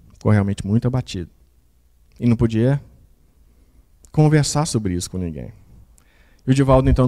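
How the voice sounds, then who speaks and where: A man giving a spiritual lecture, telling a story in an earnest, measured way. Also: medium pitch, mellow.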